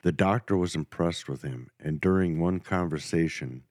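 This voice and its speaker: A man hosting a podcast, telling a true crime story in a steady, matter-of-fact way. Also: sits low, normal speed, no echo, clean studio sound. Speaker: podcast host.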